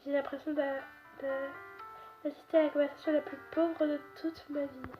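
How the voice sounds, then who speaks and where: Woman, high voice, first-person story reading, chatty asides, faint background music. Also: little pitch movement, normal speed, highs cut off. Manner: chatty narration with restarts and asides.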